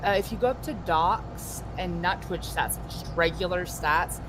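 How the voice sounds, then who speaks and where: Low-voiced sarcastic woman, noisy headset mic. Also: measured pace. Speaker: livestream co-host. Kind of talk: casual gaming stream chat. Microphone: headphone mic.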